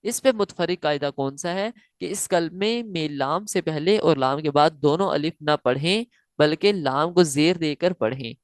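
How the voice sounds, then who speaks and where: A woman teaching Quran recitation in a slow, step-by-step lesson. She explains each rule, then chants the example slowly and repeats it. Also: sits low, no room sound, clean studio sound. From South Asia.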